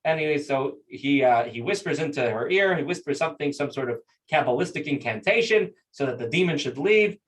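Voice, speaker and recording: A man, a rabbi, teaching a class through animated, conversational storytelling. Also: medium pitch, a little fast, hardly any pauses. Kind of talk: storytelling lesson. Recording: distant mic.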